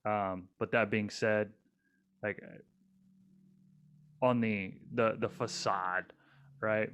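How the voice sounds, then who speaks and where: A man's voice: on the low side, steady tone, very slow, fairly bright tone, clean tone. A young man co-hosting a casual podcast, rambling with lots of fillers and restarts. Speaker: podcast co-host.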